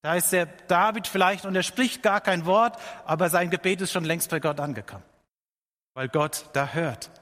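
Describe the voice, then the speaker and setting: A middle-aged man preaching a sermon. He speaks earnestly, slows down to stress his points and lifts his voice when quoting scripture. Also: sits high, fairly bright tone. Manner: earnest, slows down for emphasis, quotes scripture with rising voice. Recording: long hall reverb.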